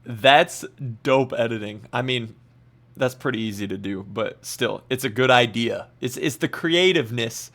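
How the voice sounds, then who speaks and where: A man hosting a music reaction channel, giving casual, excitable commentary and laughing often as he gushes. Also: medium pitch, a little slow.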